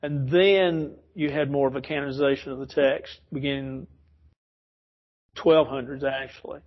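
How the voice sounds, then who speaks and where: At normal speed and in a steady, medium-pitched voice, a man teaches an informal Bible study in a church classroom, with lo-fi sound. He tends to ramble, revise what he says, and chuckle frequently.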